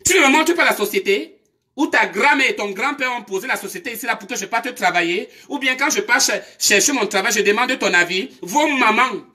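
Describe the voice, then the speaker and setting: Woman, live-stream rant, high voice, bright tone. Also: a little fast. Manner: scolding, confrontational, rhetorical questions.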